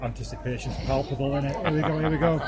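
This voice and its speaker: Over a noisy crowd, a man with a mid-range voice and steady tone talks at a quick pace to his viewers, cheeky, chatty and sweary, as he vlogs a road trip. He films outdoors on a handheld camera at a roadside, an airport and a stadium, with loud traffic and jet noise around him.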